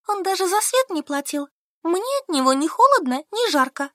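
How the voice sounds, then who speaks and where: A woman's voice: very high-pitched, very animated, moderate pace, sharp tone, dry recording, clean studio sound, voice pushed up, heavily acted. A woman voicing a squeamish, easily panicked young female teacher who squeals and pleads, in an audiobook. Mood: panicky. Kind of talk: audiobook character voice.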